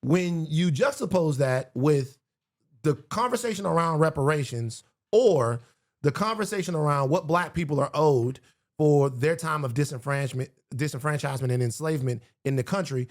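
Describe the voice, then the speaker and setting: A man with a slightly high voice speaks at a moderate pace as a guest in a casual political conversation. He is emphatic and builds his points through repetition.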